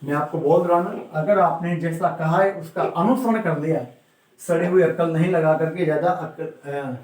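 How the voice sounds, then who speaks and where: Emphatic Hindi grammar teacher, echoey room. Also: male voice, fairly high pitch, fairly even intonation, normal speed, darkish tone. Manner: emphatic, repeats and drags out key words; asks students questions and answers them himself. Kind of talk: classroom grammar lesson.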